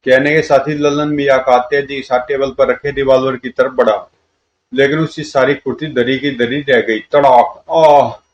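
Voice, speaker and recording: A male storyteller reads out a comic-book adventure with dramatic flair. His voice sits at a middling pitch, and the recording is dull and lo-fi. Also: steady tone, moderate pace.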